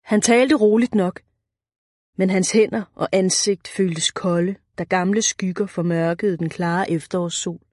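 A woman narrating an audiobook in a measured, even reading. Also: on the low side, no room sound, clean studio sound.

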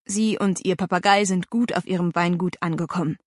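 A woman's voice: fairly low pitch, steady tone, fairly quick, no room sound, studio quality, close to an everyday voice. A woman voicing a tired doctor and father who sounds pained and placating, in an audiobook.

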